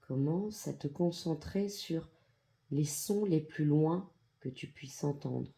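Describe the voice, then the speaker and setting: Slow, calm, and deeply relaxed, this androgynous speaker with a gravelly mid-range voice talks listeners through yoga nidra. The guided meditation unfolds as soft instructional narration, its short, gentle directions spaced out by long, generous pauses in measured phrasing.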